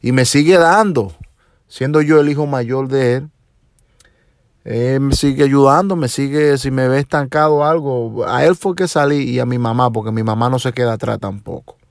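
A man in his forties from the Dominican Republic hosts a podcast, his medium-pitched voice creaky and his speech carrying a Dominican Spanish accent. The monologue is slow, reflective, and full of hesitations, with a dry, clean studio-like sound captured on a phone or home microphone.

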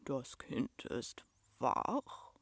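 A huge, gentle, furry cave monster from a storybook, as a woman puts it on. It rumbles deep and slow, halting over simple words. The sound is close and dry. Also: sing-song, gravelly, no room sound, full character voice. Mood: calm. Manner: slow, halting, speaks of others in third person.

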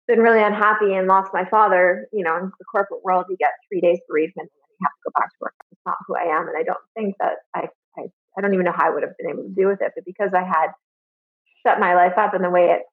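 A woman's voice: fairly low pitch, fairly even intonation, quick pace. Woman on a tinny phone line. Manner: candid and reflective, with frequent fillers. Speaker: interview guest. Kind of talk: casual personal storytelling.

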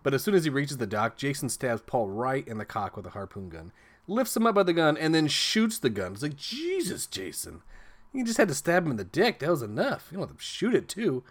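A man's voice: medium pitch, huge pitch swings, a little fast. Profane joking man recapping a film. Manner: profane, joking, sarcastic asides. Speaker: movie review host. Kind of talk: comedic movie recap.

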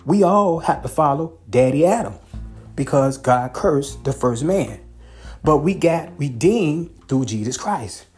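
A man's voice: a little high, expressive, a little slow, a little mellow, faint music behind. A man preaching a podcast sermon, pleading and repeating himself, stopping often to check his listeners are with him. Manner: repetitive, pleading, peppered with "okay" and "hallelujah".

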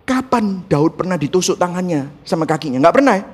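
A man with a notably high voice preaches a fervent sermon. He speaks to the congregation directly and with great emphasis as a pastor, slipping English terms into his talk. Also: lively intonation, fairly quick, breathy edge. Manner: mixes English words into his speech.

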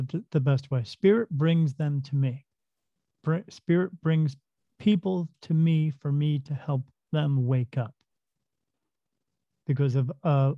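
A psychic medium tells stories in a casual interview, rambling and restarting his words. His voice is fairly high and mellow, with no echo, captured in a dull, lo-fi, dry recording.

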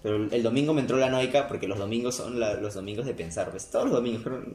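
A man's voice: medium pitch, fast, a little mellow. A young man chatting casually as a podcast co-host, rambling and restarting his sentences. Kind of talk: casual chat. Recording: roomy sound with faint music.

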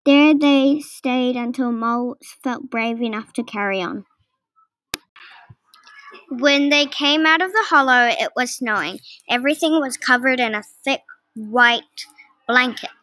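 A woman reading a children's storybook aloud, slow and careful. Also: on the high side, a bit bright, dry recording. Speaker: narrator.

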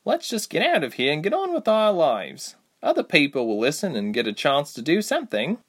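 A man's voice: a little high, huge pitch swings, fairly quick, a bit bright, voice pushed up, heavily acted. A man doing a wry young mermaid sidekick. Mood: wry, muttering. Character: sharp-tongued young mermaid friend, wry.

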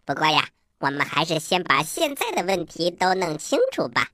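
A man voicing a playful little frog with a croaky frog voice for a children's audio story. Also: on the high side, very animated, normal speed, sharp tone, no room sound, studio quality. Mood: helpful, playful. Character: playful little green frog, helpful companion and singer.

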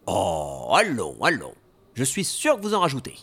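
A man voicing a boastful, jumpy paladin hero with an excitable, exclamatory manner. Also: mid-range voice, moderate pace, vocal fry, slightly rough, exaggerated voice. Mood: surprised.

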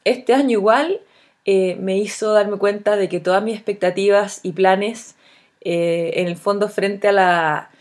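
A Chilean woman of around forty talks alone into her podcast mic. She is earnest and thoughtful, stopping often on small fillers as she works through her ideas. Her pitch sits in the middle range. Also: fairly even intonation, unhurried, a little mellow. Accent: Chilean Spanish. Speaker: podcast host. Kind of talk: solo reflective podcast monologue.

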